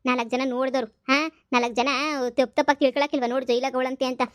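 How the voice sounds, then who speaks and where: A woman's voice: high voice, flat delivery, fast, no echo, natural voice. A woman voicing a scheming elderly village mother-in-law who pleads and guilt-trips. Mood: pleading. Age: older. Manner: rustic village dialect, whining guilt-tripping.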